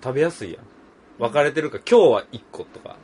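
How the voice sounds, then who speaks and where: A man's voice: mid-range voice, quick pace, a little hiss or hum. A man from Yamaguchi who speaks with a Kansai accent, co-hosting a casual podcast in a playful, joking manner. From Yamaguchi, Japan. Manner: playful, animated, jokes and laughs often. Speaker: podcast co-host. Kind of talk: casual chat.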